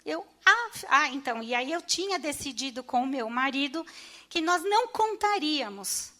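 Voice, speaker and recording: High-voiced woman giving an emotional testimony. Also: sing-song, sharp tone. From Brazil. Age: middle-aged. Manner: emotional, halting, with restarts. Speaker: church testimony speaker. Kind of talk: personal testimony. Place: church.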